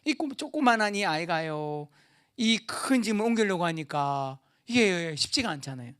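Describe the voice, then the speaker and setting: Man, pastor, sermon, lively swings in pitch, asks the congregation questions. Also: normal speed, clean tone. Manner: animated preaching with sudden loud rises and soft drops.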